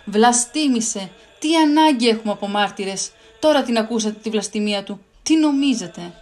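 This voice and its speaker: A woman reading a storybook, voicing an indignant older high priest who shouts accusations. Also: close to an everyday voice. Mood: outraged. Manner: loud, accusing.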